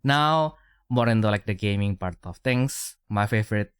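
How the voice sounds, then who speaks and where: Young indonesian-accented guy rambling on a podcast, lowish smooth voice, dry sound. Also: expressive, moderate pace, no echo. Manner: rambling, many fillers and restarts, chuckles often. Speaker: podcast co-host. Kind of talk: casual podcast chat.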